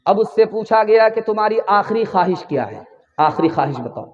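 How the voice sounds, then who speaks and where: A man's voice: high voice, lively intonation. A man preaching an Islamic sermon, telling anecdotes with dramatic, emphatic delivery. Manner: dramatic storytelling, rising to loud emphatic passages. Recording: reverberant hall, dull lo-fi sound.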